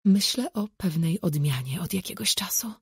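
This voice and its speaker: A woman's voice: on the low side, lively intonation, moderate pace, vocal fry, a little mellow, husky, no room sound, studio quality, exaggerated voice. A woman voicing a fussy, scheming middle-aged mother in an audiobook, who talks dramatically and drops into conspiratorial whispers. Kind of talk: audiobook character voice.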